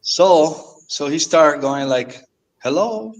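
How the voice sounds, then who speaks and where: Earnest man, halting speech. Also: mid-range voice, rough recording. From Mexico. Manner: halting, earnest, repeats words often. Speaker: guest. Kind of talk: casual storytelling.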